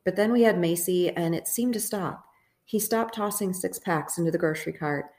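A woman's voice: fairly low pitch, moderate pace, darkish tone. A woman hosting a podcast, reading an excerpt from her own novel in an intimate, earnest way. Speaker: podcast host.

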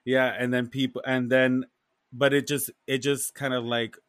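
A man's voice: mid-range voice, moderate pace, no echo. Casual man, dry sound. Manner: slangy, expressive. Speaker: podcast co-host. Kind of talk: casual chat.

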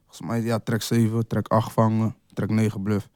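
A young man talks in a relaxed, laid-back way, dropping street slang and filler tags into every sentence. His voice is dark and mellow, and it sits dry and close to the mic. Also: fairly low pitch, normal speed, no echo. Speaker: rapper guest. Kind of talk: casual interview chat.

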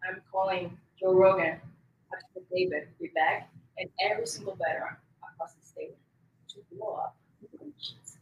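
A woman's voice: mid-range voice, big pitch swings, moderate pace, lo-fi sound, slight background noise. A woman in her twenties from Colombia, a political candidate giving emphatic, speech-like answers in an interview. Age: 20s. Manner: emphatic, campaign-speech delivery. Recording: echoey room with faint ambience.

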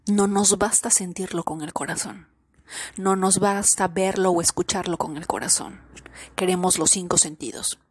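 A woman hosting a spiritual podcast, speaking slowly and deliberately and pressing her listeners with repeated rhetorical questions, at times dropping to a whisper. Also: fairly low pitch, steady tone, breathy edge, no room sound, clean studio sound. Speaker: podcast host. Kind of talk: reflective spiritual monologue.

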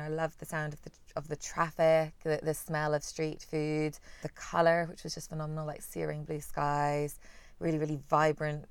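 A woman in her thirties with a soft, well-travelled Northern Irish accent, answering questions conversationally as an interviewed writer. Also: deep voice, clean tone, dry recording. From Belfast, Northern Ireland, partly raised in Singapore.

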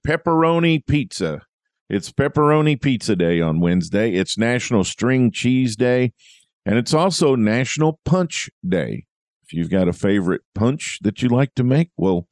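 Low-voiced folksy man hosting a podcast. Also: darkish tone, no room sound, studio quality. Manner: folksy, jokey, chatty asides. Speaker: podcast host and business coach. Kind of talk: casual podcast monologue.

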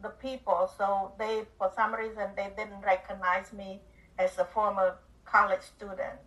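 A woman's voice: mid-range voice, level tone, moderate pace, fairly bright tone, distant mic, poor audio. An older woman from Cambodia, a guest author and speaker, earnestly telling her life story in an interview, with simple phrasing and small grammar slips.

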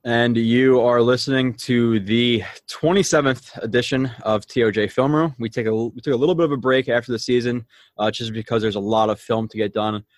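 A man co-hosting a casual football film podcast, talking loosely with fillers and quick laughs. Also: mid-range voice, steady tone, no room sound. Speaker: podcast co-host. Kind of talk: casual film-breakdown chat.

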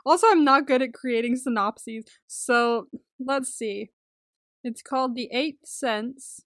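Young woman podcast host, gushy n sweary, says like a lot, higher pitch, dry sound. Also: takes it slowly, dry recording. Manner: gushing, excitable, swears freely; rambling, peppered with "like". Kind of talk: casual chat about a TV series.

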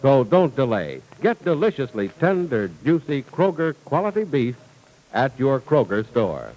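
Male old radio announcer, animated pitch, polished scripted selling, vintage broadcast recording. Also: a little slow, low-quality recording.

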